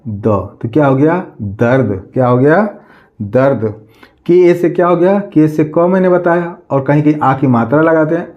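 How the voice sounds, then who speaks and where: A male teacher speaks in a slightly raised voice and takes his time, drawing out each letter as he spells words aloud. He keeps asking his students what a word becomes and answers for them. The sound is a bit dull and lo-fi. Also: on the high side. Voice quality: slow, drawn-out letter-by-letter spelling, repeating questions.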